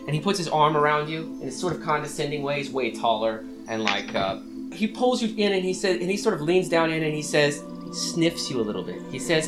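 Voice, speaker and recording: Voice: medium pitch, reverberant. A game master narrating a tabletop game in a loose, chatty way with many fillers.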